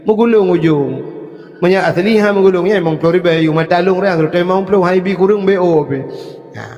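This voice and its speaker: A man with an Acehnese accent preaching a humorous sermon, telling stories in a lively way with sudden shouts. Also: high voice, a little fast, muffled recording, faint music behind. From Aceh, Indonesia. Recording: long hall reverb.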